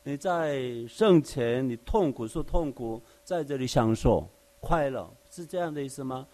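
A man's voice: mid-range voice, expressive, measured pace, warm tone. A man preaching a conversational Bible study sermon. He explains verse by verse with everyday examples and often asks his listeners rhetorical questions. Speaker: Bible teacher.

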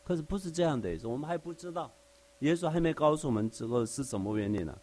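A man's voice: on the high side, lively intonation, fast, darkish tone. A man teaching the Bible conversationally. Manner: asks rhetorical questions, checks in with the listeners often; explains verse by verse with everyday examples. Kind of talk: conversational Bible study sermon.

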